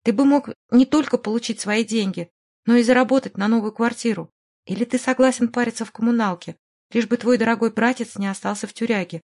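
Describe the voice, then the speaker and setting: A woman's voice: on the high side, fairly quick, darkish tone. A woman voicing a scheming, condescending middle-aged businessman in an audiobook, with a conspiratorial tone. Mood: sinister. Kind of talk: audiobook character voice.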